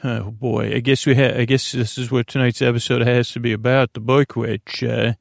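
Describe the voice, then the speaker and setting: A podcast host delivers a rambling bedtime monologue in a gravelly, medium-pitched voice with a level tone. He halts and interrupts himself, letting sentences wander and trail off, and the recording is dry and studio quality.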